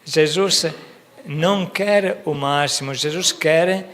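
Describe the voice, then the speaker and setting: A man's voice: on the high side, takes it slowly, a bit bright. A priest preaching a homily in a conversational way, often checking that his listeners follow. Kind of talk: sermon. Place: church. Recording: long reverb of a church hall.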